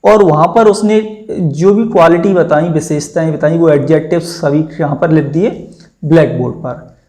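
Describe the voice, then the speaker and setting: A man teaching an exam-preparation lesson, reading each English answer option slowly and then explaining it in Hindi, talking to his viewers as friends. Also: a little high, darkish tone.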